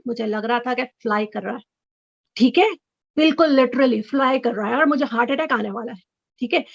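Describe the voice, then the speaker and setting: A middle-aged woman telling an excited story as an interview guest on a video call, sometimes breaking into high squeals. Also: gravelly, no echo. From Chicago resident. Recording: dull, dry video call audio.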